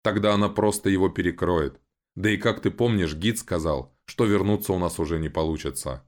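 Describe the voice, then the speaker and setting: A man voicing a calm, resolute young man who talks seriously and reassuringly, in an audiobook. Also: deep voice, a little fast, natural voice. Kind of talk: audiobook voice acting.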